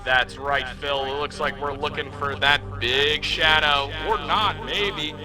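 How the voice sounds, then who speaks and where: A chipper male newscaster crackling out of an old television, his voice glitchy and leaping about in pitch, as a game master puts him on. It sits noticeably high for a man, with clear music playing underneath. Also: steady tone, measured pace. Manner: bouncy newscaster patter. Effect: glitchy old-television broadcast, jumping pitch.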